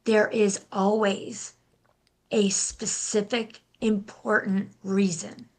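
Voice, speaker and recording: A young adult woman speaking as a guest in a casual interview, often restarting her sentences and filling pauses with "like". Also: mid-range voice, little pitch movement. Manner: halting, restarts, many "like" fillers. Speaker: guest, intuitive healer and life coach.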